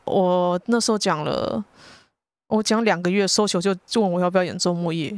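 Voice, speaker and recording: A woman's voice: fairly low pitch, a little fast, no echo. Taiwanese woman hosting a casual, dry-sounding podcast. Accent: Taiwanese Mandarin. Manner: informal, repeats short agreements. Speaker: podcast host and stand-up comedian. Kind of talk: casual chat, interviewing.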